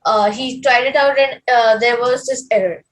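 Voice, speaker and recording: A woman's voice: on the high side, steady tone, moderate pace, poor audio. A young girl answering her tutor politely and briefly, calling him sir. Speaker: student.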